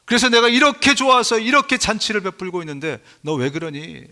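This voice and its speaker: A man voicing an older father gently coaxing his sulking son in a parable retelling. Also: high voice, steady tone, a little fast, voice pushed up.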